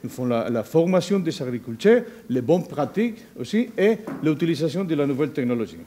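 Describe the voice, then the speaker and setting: A non-native speaker from Spain with a Spanish accent, this man gives a conference presentation as a researcher, halting and searching for words in foreign-accented speech. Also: on the high side, lively intonation, warm tone. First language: not a native French speaker. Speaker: university researcher giving a presentation.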